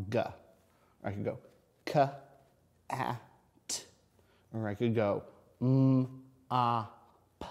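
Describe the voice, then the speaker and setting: A man with a mid-pitched voice gives a kindergarten reading lesson. He talks straight to little children, asks them simple questions and answers them himself, sounding out letters and words as he goes. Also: darkish tone. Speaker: kindergarten teacher.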